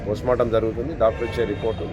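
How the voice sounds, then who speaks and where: A police officer, a man, giving a plain, halting official account of a case to reporters outside a hospital. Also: fairly low pitch, level tone, lo-fi sound, a crowd in the background. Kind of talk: on-the-spot statement to reporters. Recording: noisy outdoor street recording.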